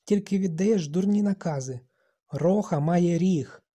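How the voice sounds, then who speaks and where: An audiobook narrator voicing an aggressive, mocking boy who shouts, in a dark husky voice. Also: mid-range voice, unhurried, natural voice. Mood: scornful. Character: aggressive bossy boy hunter.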